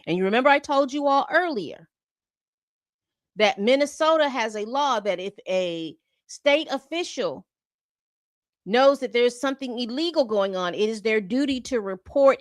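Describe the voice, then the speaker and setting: A woman's voice: on the high side, animated, moderate pace, no echo. A woman hosting a commentary channel, reading from a report and breaking off into exasperated asides. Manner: reads documents aloud then comments with exasperated asides.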